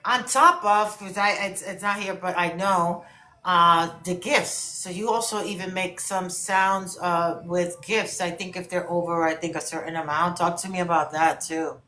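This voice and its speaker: A woman's voice: on the low side, fairly even intonation, normal speed, pushed and bright. A woman hosting a casual interview, encouraging her guest and asking follow-up questions. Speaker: talk show host. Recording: echoey room.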